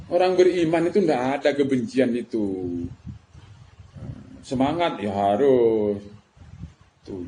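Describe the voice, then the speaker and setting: A man's voice: medium pitch, mellow. A middle-aged man with a Madurese-Javanese Indonesian accent giving a religious lecture, emphatic and full of rhetorical questions. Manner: emphatic, rhetorical questions, mixes colloquial words. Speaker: preacher. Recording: faint background noise.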